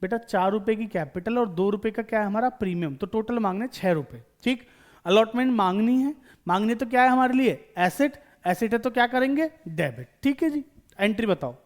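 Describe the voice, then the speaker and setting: A man's voice: high voice, animated, brisk. A man teaching accountancy in a lecture, explaining each step and asking and answering his own questions to the students. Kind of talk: classroom lecture.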